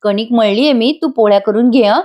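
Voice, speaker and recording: A woman's voice: fairly high pitch, a little fast, a little mellow, muffled recording, natural voice. A woman reading a kind middle-aged mother-in-law. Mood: affectionate. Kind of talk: voice-over review re-enacting serial dialogue.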